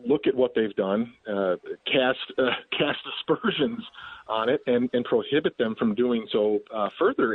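Man, phone interview, emphatic, indignant, husky voice, dry tinny phone line. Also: medium pitch, dry recording. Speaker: activist guest.

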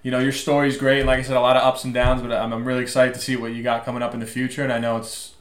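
Fast-talking, eager bro interviewer, roomy sound. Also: male voice, medium pitch, completely flat delivery. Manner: eager, fan-like bro talk. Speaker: interview host. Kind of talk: casual interview chat. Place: remote call from a roomy space. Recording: roomy echo on the voice.

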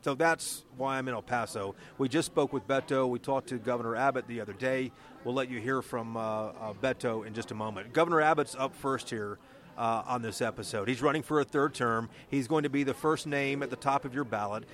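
A man's voice: mid-range voice, fairly quick, a bit bright. A man with an American accent, a podcast host and political reporter who speaks conversationally as he narrates and interviews.

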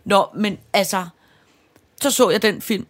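A middle-aged woman chats on a podcast in an ordinary middle pitch. She rambles, stacks up fillers and trips over her own words in a heartfelt, open way. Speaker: podcast co-host. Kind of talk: casual chat.

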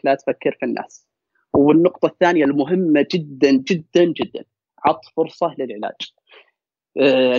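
A man with a Saudi accent telling a personal story and giving advice as a podcast guest, talking fast and repeating words for emphasis. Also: mid-range voice, a little mellow, no room sound. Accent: Saudi Gulf Arabic. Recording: dry, dull lo-fi sound.

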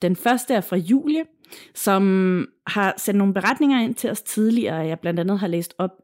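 A woman's voice: medium pitch, expressive, a little mellow. Danish woman, cosy spooky-story podcast host.

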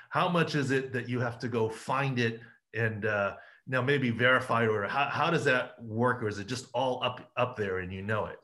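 A man's voice: mid-range voice, fairly bright tone. A man hosting a podcast who talks in casual interview chat, telling anecdotes emphatically and acting out quoted voices. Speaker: podcast host, injury analyst.

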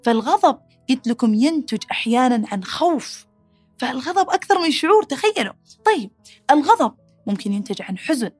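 A woman's voice: high voice, no room sound, faint music behind. A woman hosting a podcast and explaining psychology in a casual way, acting out the quotes she gives. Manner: fast, animated, acts out angry quotes.

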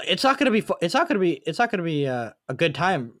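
A man's voice: on the high side, big pitch swings, rapid-fire, a bit bright, dry recording, studio quality. A man co-hosting a sports podcast in casual chat, rambling and thinking aloud as he goes. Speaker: podcast co-host.

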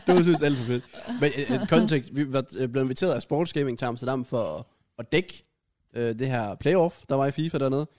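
A man's voice: mid-range voice, a little mellow. A man co-hosting a casual podcast, telling a shared travel story in a loose, hesitant way with fillers. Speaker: podcast co-host. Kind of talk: casual chat.

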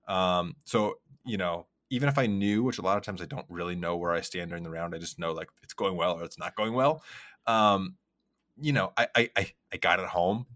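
A man's voice: low-pitched, brisk, a bit bright. A man co-hosting a podcast, talking in a loose, rambling way with many fillers. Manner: rambling, filler-heavy talk. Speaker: podcast co-host. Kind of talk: casual chat.

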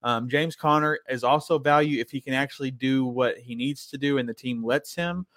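An easygoing man talks through his views as a co-host, measured and full of small ums and pauses. His voice is in a middle register, recorded dry and close to the mic. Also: mid-range voice, fairly bright tone, no room sound. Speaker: fantasy football co-host. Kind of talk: casual live-stream chat.

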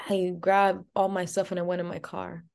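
A woman's voice: lowish voice, little pitch movement, normal speed, creaky, a little mellow. A woman as an interview guest, telling a personal story in a casual, chatty way with many "like" fillers.

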